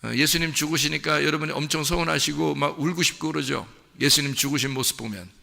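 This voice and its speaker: A man's voice: fairly high pitch, steady tone, fast, vocal fry, bright, forceful tone. A male pastor preaching a conversational sermon, asking the congregation questions. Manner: conversational, asks the listeners questions and acts out quoted lines. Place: church sanctuary. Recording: long reverb of a large hall.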